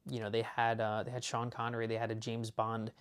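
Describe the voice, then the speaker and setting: A man's voice: medium pitch, monotone, clear, resonant tone. Male collector host, casual unboxing chat, rambling and enthusiastic, heavy on fillers. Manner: talks fast at times. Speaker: movie collector showing his discs.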